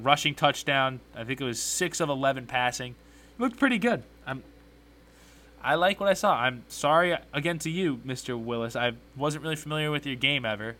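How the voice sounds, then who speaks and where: Solo sports podcast host: a man with a slightly high, bright voice and an opinionated, rambling delivery. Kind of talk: casual sports talk commentary.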